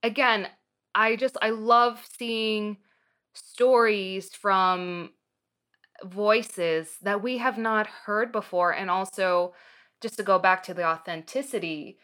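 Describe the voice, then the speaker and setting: A woman's voice: medium pitch, steady tone, slow, bright, forceful tone. A woman from Morocco who teaches film students, speaking thoughtfully in a radio interview.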